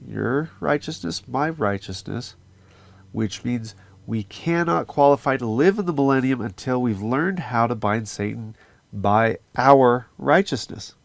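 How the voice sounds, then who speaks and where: A man's voice: medium pitch, measured pace, vocal fry, no room sound. A man giving an earnest, conversational scripture lesson, with fillers as he explains. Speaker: religious teacher. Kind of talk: casual scripture teaching.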